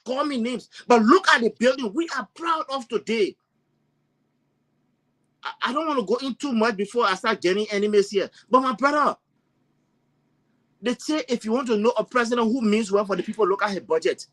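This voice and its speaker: High-pitched man panelist, emphatic commentary. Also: brisk, pauses often, a bit bright. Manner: emphatic, repeats words while searching. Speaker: panelist, college teacher.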